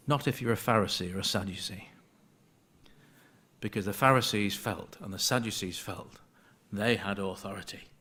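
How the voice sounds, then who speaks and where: A man's voice: on the low side, fairly bright tone. A man giving an informal Bible talk to a small group, reading scripture aloud and wandering into asides in a conversational way. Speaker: Bible study speaker.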